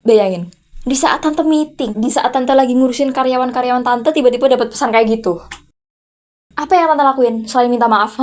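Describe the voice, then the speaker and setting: A VTuber role-play creator with a high-pitched, natural voice performs an ASMR scene as a furious, unmarried rich aunt who runs a company. She scolds her teenage nephew with sarcasm, firing off sharp, repeated "hah?" challenges.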